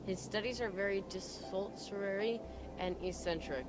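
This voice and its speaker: A woman's voice: mid-range voice, moderate pace, close to an everyday voice, low-quality recording. Girl doing a talky helpful young guy, explains everything, music under it. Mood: explaining. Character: chatty, helpful young man who makes introductions. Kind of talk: amateur drama reading. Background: background music.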